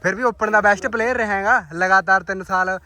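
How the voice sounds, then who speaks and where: A man with a Malwa Punjabi accent hosts a casual farm vlog in a bright, slightly high voice. He chats informally to viewers and friends out in the field. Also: steady tone, fairly quick. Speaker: vlog host.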